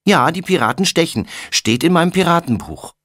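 A man doing an excited little pirate-mad boy. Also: fairly high pitch, fairly quick, no room sound, clean studio sound, voice pushed up. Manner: shouts with boyish excitement.

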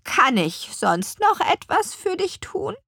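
A croaking old grandmother witch from a storybook, kindly and a little forgetful, as a woman reading puts her on. Her voice is raspy and thin, pitched high and stretched out slowly, and it swings widely up and down. The recording is dry and close. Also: big pitch swings, fairly bright tone, dry recording, full character voice. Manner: drawn-out, high cracked old-lady delivery. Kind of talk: audiobook character voice.

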